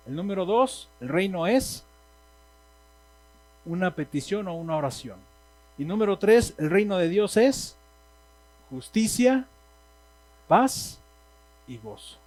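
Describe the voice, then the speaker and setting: A man's voice: a little high, darkish tone, poor audio. A man with a Mexican Spanish accent preaching a sermon in a church, speaking emphatically and asking the congregation questions. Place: church hall.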